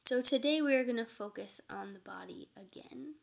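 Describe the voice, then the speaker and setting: A woman's voice: fairly high pitch, moderate pace, vocal fry. A woman giving informal meditation instruction as a teacher, speaking in a reflective, conversational way.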